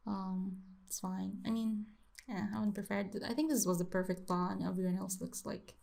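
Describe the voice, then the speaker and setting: A woman's voice: mid-range voice, fairly even intonation, normal speed, vocal fry, warm tone. A woman teaching how to write and pronounce letters in a casual lesson, repeating each sound many times and musing aloud as she draws. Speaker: language teacher.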